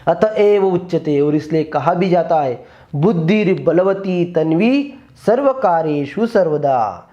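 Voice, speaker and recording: A man with a high but mellow voice teaches a Sanskrit lesson at an unhurried pace. He reads each line of the text and then glosses it word by word. The recording is dull and lo-fi. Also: expressive.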